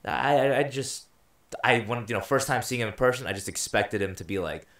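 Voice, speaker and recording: A man co-hosting a podcast, talking casually in rambling, animated bursts with plenty of swearing. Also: medium pitch, a little fast. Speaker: podcast co-host. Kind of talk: casual chat. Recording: roomy echo.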